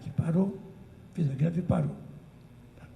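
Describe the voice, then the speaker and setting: An older Brazilian woman telling an animated, emotional story of remembered traditions at a community talk circle. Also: low-pitched, normal speed, slight background noise. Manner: animated, emotional, breaks into chanted calls. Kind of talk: storytelling recollection. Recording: roomy echo.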